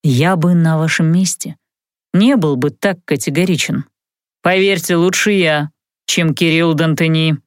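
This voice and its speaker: A woman voicing a mocking, smug young male mage in an audiobook, speaking calmly and teasingly in a lowered voice. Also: no echo, clean studio sound. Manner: calm, teasing, unhurried. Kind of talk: audiobook character voice.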